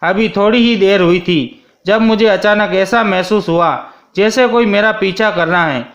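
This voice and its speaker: A man narrating a first-person story in a steady, scripted reading. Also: high-pitched, moderate pace. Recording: dull lo-fi sound.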